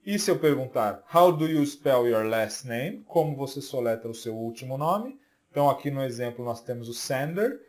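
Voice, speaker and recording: A man's voice: mid-range voice, lively intonation, moderate pace, darkish tone. A Brazilian man teaching an English lesson, patiently drilling letters one at a time and checking in with the viewer often. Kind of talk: video lesson for beginners.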